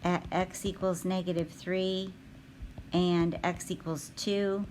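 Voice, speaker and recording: A woman teaching a recorded math lesson, talking her students through the steps out loud with frequent ums. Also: on the low side, little pitch movement, takes it slowly, a little hiss or hum, rough recording. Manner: thinking aloud with frequent ums.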